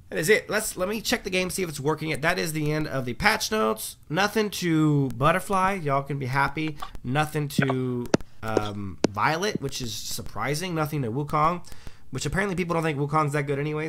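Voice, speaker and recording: A man with a slightly high, gravelly, fairly bright voice hosts a livestream, sounding animated and a little fast. He chats casually while reading patch notes, rambling with many ums and restarts.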